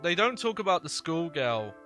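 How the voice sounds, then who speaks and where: A man giving casual video game commentary as a streamer, rambling in halting asides. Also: a little high, very animated, bright, forceful tone. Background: game music.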